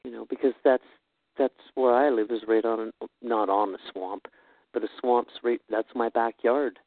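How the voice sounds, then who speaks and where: Gravelly-voiced man on a tinny phone line. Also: mid-range voice, fairly even intonation. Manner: halting, earnest, says "eh" and "you know". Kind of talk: casual heartfelt chat about faith.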